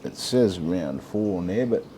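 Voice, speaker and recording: A man's voice: deep voice, lively intonation, measured pace, mellow, a little hiss or hum. A man co-hosting a casual chat, easygoing and chatty, swearing now and then. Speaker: co-host.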